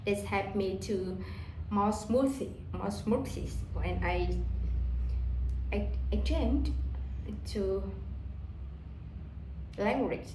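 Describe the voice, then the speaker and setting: A Vietnamese woman speaks English with a Vietnamese accent, chatting casually about how she learns the language. Her medium-pitched speech is halting, and she often repeats words while searching for the right one. The audio is reverberant with a noisy background.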